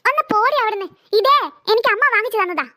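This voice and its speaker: A woman's voice: very high voice, lively intonation, fast, pushed and bright, dry recording, studio quality, heavily acted. A woman voicing a cheeky, defiant cartoon girl who argues back and whines to her mother. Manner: whiny, defiant, teasing. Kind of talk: cartoon voice acting.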